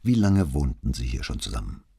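A man's voice: a bass voice, sing-song, a little fast, slightly rough, full character voice. A man playing a courteous, patient detective. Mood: gently probing. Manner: gentle, polite questioning. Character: patient, courteous middle-aged male police detective.

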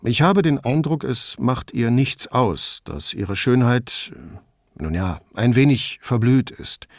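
A man voicing a calm, thoughtful police commissioner in an audiobook, speaking in a measured way. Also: medium pitch, no room sound, clean studio sound. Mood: musing.

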